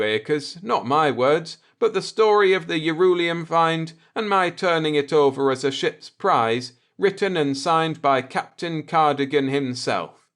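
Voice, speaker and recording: In an audiobook, a man voices a coolly vindictive spaceship navigator, explaining things in a deliberate, sardonic manner. His voice is on the high side and a bit bright.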